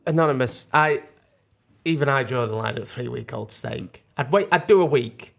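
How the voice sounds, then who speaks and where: Creaky-voiced British man chatting casually. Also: mid-range voice, normal speed, faint music behind. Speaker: podcast co-host. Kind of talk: casual, jokey chat.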